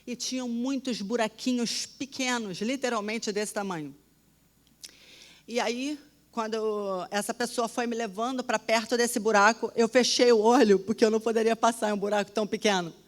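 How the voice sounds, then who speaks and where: A woman telling a personal testimony in an animated, dramatic way, often dropping to a hushed voice. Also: a little high, normal speed. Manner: animated, dramatic storytelling with sudden drops to a hush. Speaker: storyteller.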